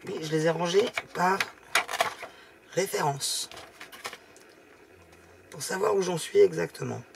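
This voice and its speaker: A woman's voice: fairly low pitch, takes it slowly, creaky, slight background noise. A woman giving a chatty, casual step-by-step craft demonstration, explaining as she works. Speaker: craft tutorial host.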